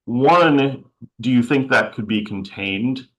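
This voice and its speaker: A man's voice: medium pitch, takes it slowly, highs cut off. A man moderating a policy panel who is losing his voice and asks long, rambling questions.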